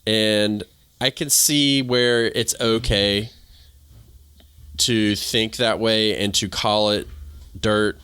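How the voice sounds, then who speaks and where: A man's voice: fairly low pitch, fairly even intonation, very slow, pauses often, sharp tone, clear, resonant tone, dry recording. A man with a Southern US accent and drawl, chatting casually in a folksy, slangy way as a podcast co-host. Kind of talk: casual chat.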